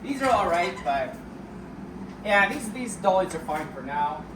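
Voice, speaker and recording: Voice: medium pitch, sing-song, measured pace. A person giving a casual, unscripted walk-through tour of their business, talking informally and rambling as they think aloud. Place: large echoey rental warehouse and shop. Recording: echoey warehouse, distant mic, clearly noisy background.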